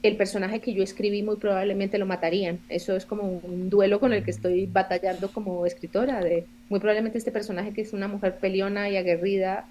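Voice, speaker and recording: A woman in her forties from Colombia talks as a podcast guest in a thoughtful, earnest way. Her voice sits in a middle pitch. She often pauses and searches for the right words, with a faint noise behind her. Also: steady tone, dark tone, lo-fi sound. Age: 40s. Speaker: guest, theatre director and playwright. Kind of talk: podcast interview conversation.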